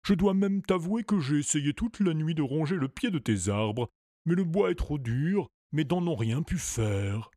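A man reading a storybook, voicing a sad, worried male pony who speaks slowly and plaintively. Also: fairly high pitch, lively intonation, warm tone, no echo, studio quality, pitched above the performer's own voice. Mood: confessing. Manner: mournful, slow and plaintive. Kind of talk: audiobook character voice.

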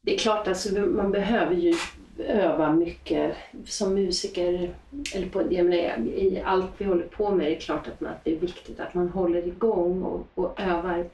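Woman, singer, reflective casual chat, halting restarts, slightly low voice, echoey room, far from mic. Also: fairly even intonation, a little mellow, slight background noise. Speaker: guest singer. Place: small cabin. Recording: roomy sound from a distance.

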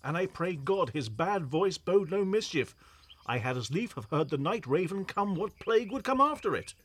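An actor playing a witty young bachelor soldier who scoffs at love, swinging between mutters and outbursts. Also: male voice, high voice, big pitch swings, moderate pace. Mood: scornful. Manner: mocking, mercurial, swinging from muttering to loud outbursts. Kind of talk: stage play performance.

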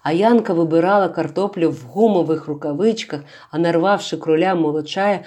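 A woman calmly reading a literary story aloud as narrator. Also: on the low side, brisk.

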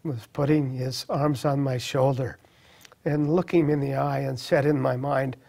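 A middle-aged man telling a personal testimony in an earnest, reflective way, with halting restarts. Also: medium pitch, steady tone, gravelly, a little mellow. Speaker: speaker sharing a personal testimony. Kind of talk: personal storytelling.

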